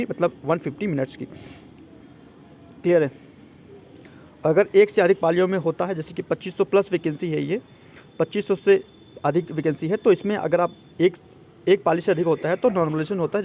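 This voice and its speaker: There's slight background noise as a man with a creaky, somewhat high, slightly mellow voice explains a job notice informally. He's an exam coaching presenter who mixes English into his speech and often checks that people follow.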